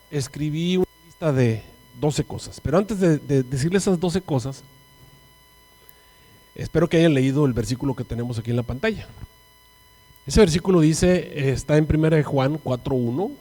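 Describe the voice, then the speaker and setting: A male pastor with a Mexican Spanish accent preaching a storytelling sermon, dramatic and swinging from hushed to loud. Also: fairly high pitch. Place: church. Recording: long church hall reverb.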